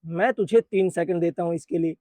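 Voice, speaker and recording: A calm young store clerk who gives quiet, unhurried threats and looks down on his attackers, as a man voices him. The tone is fairly high and the sound is dry and close. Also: no echo, natural voice. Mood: menacing.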